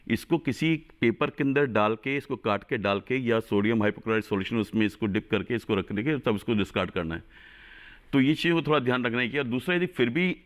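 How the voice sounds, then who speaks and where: A male doctor explaining health precautions on a TV phone-in show, emphatic and repeating his instructions. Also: mid-range voice. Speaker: doctor guest.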